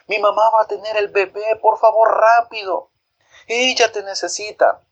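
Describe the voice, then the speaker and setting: A man's voice: moderate pace, dull audio. A man voicing a scared little boy, pleading frantically for help in a storybook tale. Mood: frantic. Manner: frantic, high-pitched pleading.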